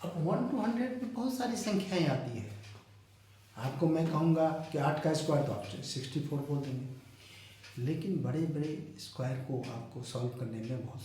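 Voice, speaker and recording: A man's voice: on the high side, expressive, normal speed, mellow, a little hiss or hum. A male math teacher talking students through sums step by step and checking in with "okay?" between steps. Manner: talks students step by step, works sums aloud. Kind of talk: classroom math lesson. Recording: very echoey room, voice far from the mic.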